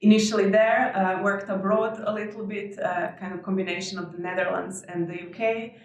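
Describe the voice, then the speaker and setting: A woman's voice: medium pitch, fairly even intonation, a little hiss or hum. Woman, echoey and distant. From Croatia. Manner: thoughtful, measured, with frequent hesitations. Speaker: guest, architecture festival director. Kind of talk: podcast interview. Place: indoor venue in London. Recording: very echoey room, voice far from mic.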